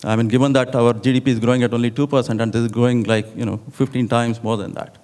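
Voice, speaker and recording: A middle-aged man on a conference hall stage, talking into a handheld mic. He explains things steadily and fills his pauses with "you know". His voice sits at an ordinary middle pitch. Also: steady tone, darkish tone. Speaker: panelist. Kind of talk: conference panel discussion. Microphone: handheld microphone.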